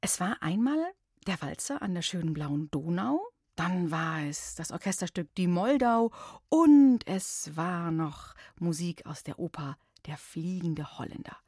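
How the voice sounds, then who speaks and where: A woman presenting a children's radio show in a chatty, playful, expressive storytelling style, speaking straight to the listeners. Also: fairly low pitch, a little slow, slightly rough, no room sound, clean studio sound. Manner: expressive, addresses young listeners directly. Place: radio studio.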